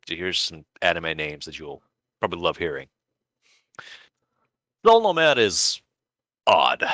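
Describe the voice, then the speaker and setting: A man's voice: deep voice, sharp tone, no echo. A man co-hosting a podcast in casual chat, with dry, sardonic humor. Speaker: podcast co-host.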